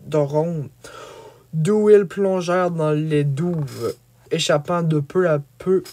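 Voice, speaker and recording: A man reading a chapter of a medieval romance aloud as an audiobook, with expressive storytelling. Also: fairly high pitch. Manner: expressive, rising on action. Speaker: audiobook reader. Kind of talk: dramatic storybook narration.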